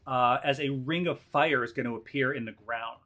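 A man narrating an online tabletop game as game master in a hesitant, halting way. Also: medium pitch, bright, forceful tone.

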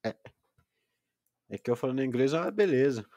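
A man's voice: medium pitch, animated, fairly quick, dark tone, no echo, dull audio. A man streaming a game, patiently explaining the menus to a friend step by step. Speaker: gaming livestreamer. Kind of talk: casual gaming stream chat.

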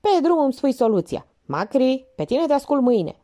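A woman voicing a bossy, sharp-tongued policewoman in an audiobook, raised in pitch and loud. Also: big pitch swings. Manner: brusque, scolding, loud.

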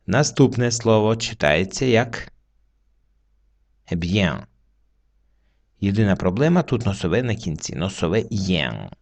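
Guy teaching french word by word, deep gravelly voice, patient and slow. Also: expressive, a little mellow. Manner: slow, patient explaining with pauses. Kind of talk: word-by-word reading lesson.

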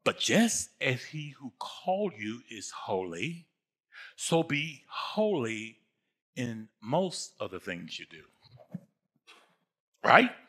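Older man, pastor preaching, emphatic and repetitive, lively swooping pitch, bright voice. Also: slow, long pauses, slightly rough. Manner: emphatic, repeats phrases, asks the congregation. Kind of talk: sermon.

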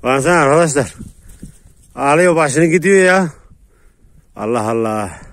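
A man's voice: on the high side, animated, a little slow, dry recording. A man chatting casually to viewers while calling and praising his dogs in the countryside, coaxing them over and over. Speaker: dog owner vlogger. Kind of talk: casual vlog narration while handling dogs. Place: outdoors in rural countryside.

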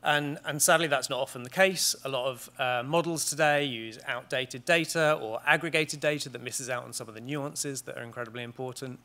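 On stage in a big wood-panelled hall, a thirtysomething man from Great Britain delivers a conference talk. He has a bright, clear, mid-range voice and a measured pace. He frequently says "um" and starts his sentences over.

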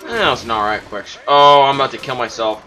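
A man giving casual, self-mocking commentary over his own gameplay, prone to excitable outbursts. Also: medium pitch, fast, a little hiss or hum. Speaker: gaming commentator.

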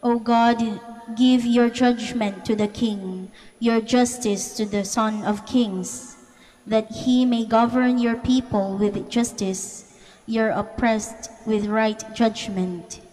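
A woman serving as lector at Mass, reading scripture and psalms solemnly with deliberate, formal phrasing in a reverberant church. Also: on the high side, fairly even intonation, dark tone. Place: large church interior. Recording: long reverberant church echo.

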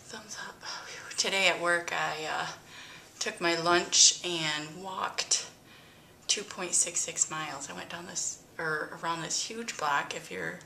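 A middle-aged woman and mother vlogging casually from her home, chatty with breathy sighs and sudden bursts of excitement. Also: fairly low pitch, slight background noise. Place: home, front room.

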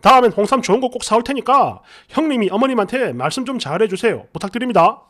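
A man's voice: very high-pitched, expressive, fast, a bit bright, no room sound, clean studio sound, exaggerated voice. A man voicing a polite young boyfriend who speaks humbly and apologetically. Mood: apologetic.

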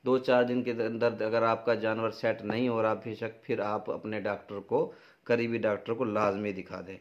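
With a lowish voice and flat delivery at a moderate pace, a middle-aged Pakistani-accented man offers practical, instructive farming advice informally to camera. The recording sounds dull and lo-fi.

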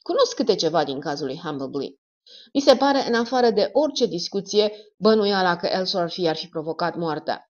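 A skeptical, condescending doctor talks dryly and with calm superiority, as the woman narrator reads him. The voice sits low with a lively rise and fall. The audiobook recording sounds dull and lo-fi. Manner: dry, superior.

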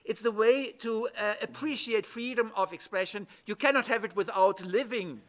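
A man's voice: sits high, normal speed, fairly bright tone. A middle-aged man from Germany, speaking at a panel event in an emphatic way, with frequent restarts and "yeah?" checks. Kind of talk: spoken conference talk.

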